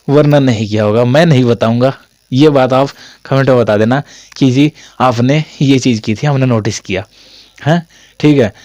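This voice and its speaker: A man's voice: mid-range voice, darkish tone, no room sound. A young man teaching a casual online Hindi grammar lesson, chatty and repetitive, with a sore throat from a cold. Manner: chatty, repetitive, jokey asides to students.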